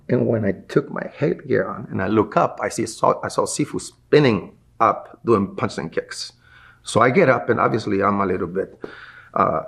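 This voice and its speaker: A middle-aged man with a low, husky voice tells a story from his past as a martial arts instructor being interviewed. His voice has a gravelly rasp. He acts out the people he quotes as he goes. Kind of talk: recounting a personal story in an interview.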